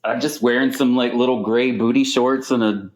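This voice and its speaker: A man with a Southern US accent and a slow drawl, chatting casually as a call-in guest. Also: medium pitch, steady tone. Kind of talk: casual chat. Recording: dull, lo-fi call audio.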